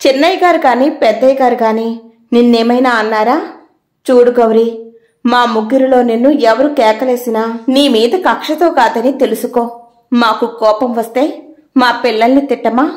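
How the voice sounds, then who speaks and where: A woman voicing a caring but quick-tempered housewife who scolds and questions sharply. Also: a little high, a little mellow, roomy sound, natural voice. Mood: scolding.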